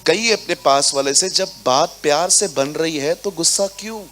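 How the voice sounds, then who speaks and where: A male preacher with a slightly high voice, leading a sermon in a church hall. He is animated and acts out small scenes as he talks, dropping words into his speech, with faint music playing behind him. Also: moderate pace. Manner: animated, acts out little scenes, mixes English into Hindi. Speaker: pastor.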